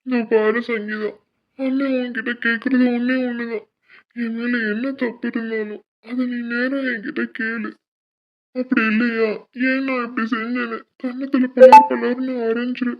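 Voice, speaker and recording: A woman voicing a loving young adult man who gently pleads with his younger sister in an animated cartoon. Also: fairly high pitch, unhurried. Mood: tender. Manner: tender, pleading, emotional. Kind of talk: dubbed animation voice acting. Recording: dull lo-fi recording.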